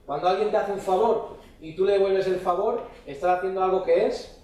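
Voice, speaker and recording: A man's voice: sits high, fairly even intonation, brisk, darkish tone. A man preaching a sermon in church, often asking the congregation short questions. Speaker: pastor. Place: church hall. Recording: echoey church hall, mic at a distance.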